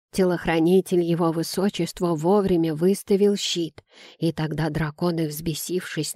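A woman reading an audiobook voices a frightened elderly male coachman who speaks slowly, quietly and haltingly. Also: on the low side, no echo, clean studio sound. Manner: slow, hushed, halting delivery.

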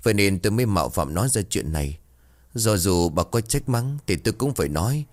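A man's voice: fairly low pitch, expressive, fairly quick, lightly acted. A man doing a humble old male servant. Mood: worried. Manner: deferential, hesitant.

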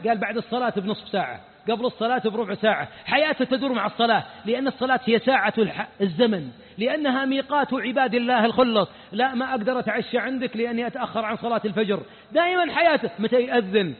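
A Saudi preacher delivers a mosque religious lesson with fervour, pressing his listeners with rhetorical questions. His voice sits strikingly high for a man. It carries a long reverb from a large hall, heard through thin, phone-like audio.

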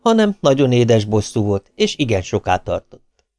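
A man reading a novel aloud as an audiobook narrator, with an expressive delivery. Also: medium pitch, no echo. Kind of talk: scripted narration.

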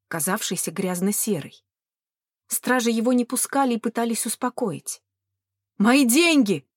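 Woman reading a story aloud, fairly high voice, super dry close mic. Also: a little mellow, dry recording. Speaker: audiobook narrator. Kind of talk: scripted narration.

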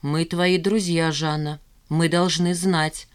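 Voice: mid-range voice, sing-song, moderate pace, clean tone, pitched above the performer's own voice, lightly acted. A reader doing a stern, matter-of-fact male friend. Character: stern composed male friend, dryly reasoning. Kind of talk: audiobook character voice.

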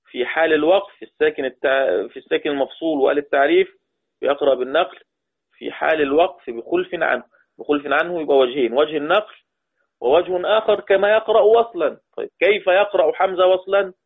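An Egyptian man gives a lesson, going back over each point and checking that his students follow. His voice sits a little high for a man. The sound is thin and narrow, like a phone line. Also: husky. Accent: Egyptian Arabic. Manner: repeats points slowly, quizzes the class. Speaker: Quran recitation teacher. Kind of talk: classroom lesson. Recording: tinny phone-like audio.

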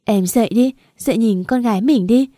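A woman's voice: fairly high pitch, normal speed, dark tone, no room sound, clean studio sound, natural voice. A woman voicing a young husband who begs his unconscious wife to wake up, in a tearful, pleading manner.

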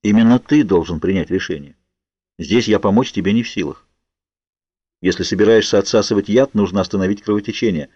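A man reading an audiobook, voicing a calm middle-aged doctor who gives steady, commanding instructions. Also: fairly low pitch, fairly quick, no echo, dull audio, natural voice.

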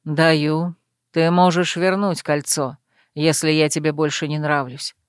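A woman reading an audiobook and voicing a confident male werewolf lover, calm and assured. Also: low voice, a little slow, clear, resonant tone, dry recording, clean studio sound, voice pushed down.

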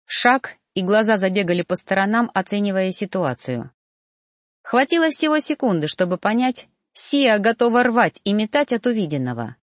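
A woman narrating a first-person audiobook in an expressive, lively way. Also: medium pitch, normal speed, no echo, clean studio sound. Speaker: audiobook reader.

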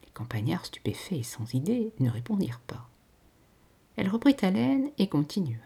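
Husky, expressive woman reading a story. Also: fairly low pitch, a little fast. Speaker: narrator. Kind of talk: literary reading.

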